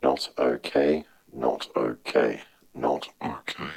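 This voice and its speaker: A man's voice clip, played back through music software with a frequency shifter that gives it a metallic, spiralling pitch. He repeats one short phrase over and over. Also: slow pace, creaky, slightly rough. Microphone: sent-in voice clip played back through music software.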